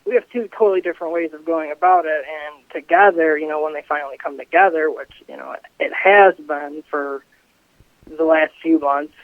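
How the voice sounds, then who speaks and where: A man's voice: on the high side, normal speed, dry recording. A man in his twenties, a company co-founder, speaking in an interview in a loose, rambling way with many fillers. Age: 20s. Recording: tinny phone line, dry.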